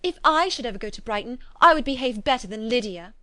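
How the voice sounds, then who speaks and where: A woman voicing a fretful, sulky young girl who speaks in a loud, whiny way. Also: a little high, expressive, fast talker, no echo, studio quality, voice pushed up.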